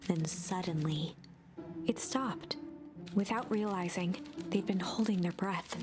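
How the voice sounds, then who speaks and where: A woman narrating a story game in a scripted storybook style, sometimes dropping to a hushed whisper. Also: lowish voice, slow. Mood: calm. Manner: drops to a hushed whisper for tense passages. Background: game music.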